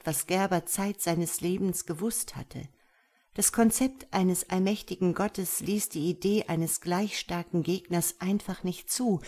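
A woman with a low voice reads a novel aloud in measured, steady audiobook narration. Her delivery stays even and calm.

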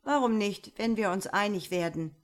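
A woman's voice: medium pitch, moderate pace, natural voice. A woman doing a sly young fairy-tale simpleton.

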